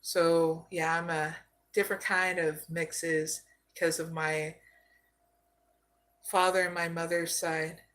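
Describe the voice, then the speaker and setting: A woman from Arizona giving a live card reading, slow and soothing, often checking in with "okay?". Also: on the low side, little pitch movement, a bit bright. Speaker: psychic card reader.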